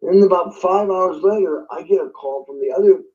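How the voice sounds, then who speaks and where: A man's voice: sits high, a little fast, a little mellow, lo-fi sound. A man, a guest drummer, telling a story in an interview and acting out phone calls in different voices.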